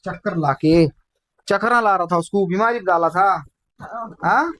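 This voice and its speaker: A man's voice: high voice, moderate pace, fairly bright tone. Harsh man interrogating. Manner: harsh, scolding, barks demands. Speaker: faith healer performing an exorcism. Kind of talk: commanding interrogation.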